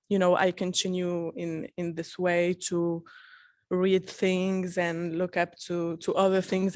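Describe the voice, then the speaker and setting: Slow, hesitant woman on a panel. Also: lowish voice, no room sound. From Tunisia, raised in France. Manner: hesitant, many fillers and restarts. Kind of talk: panel discussion.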